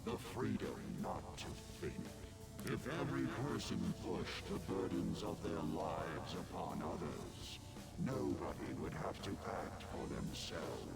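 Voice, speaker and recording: An actor playing an arrogant, godlike male villain in a video game, speaking in formal, lofty declarations with a gravelly, commanding voice. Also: low voice, expressive, unhurried, heavily acted, poor audio. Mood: grandiose. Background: loud game music.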